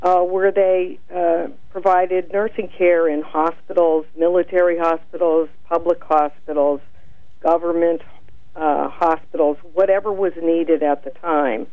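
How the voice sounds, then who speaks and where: A woman calling in on a speakerphone over a phone line, explaining earnestly and pausing on fillers. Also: on the low side, steady tone, dry recording. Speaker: caller, director of a nurses' group. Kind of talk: radio call-in.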